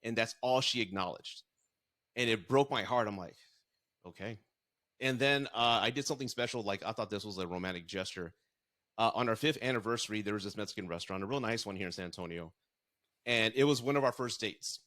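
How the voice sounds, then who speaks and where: A man's voice: lowish voice, quick pace, fairly bright tone. A middle-aged man, a dating and divorce coach, talking casually and earnestly as he tells stories from his own marriage. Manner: earnest, storytelling with acted-out quotes. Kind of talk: casual podcast conversation.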